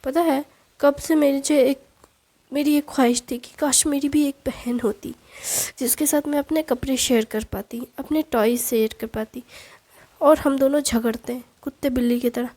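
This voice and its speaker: A woman's voice: high voice, steady tone, normal speed, a little mellow. A woman voicing a cheerful young sister-in-law who chats eagerly. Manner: eager, chatty.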